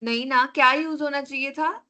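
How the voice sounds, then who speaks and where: A woman teaching an online class over a video call, slowly repeating the key steps for her students. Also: high voice, steady tone, pushed and bright.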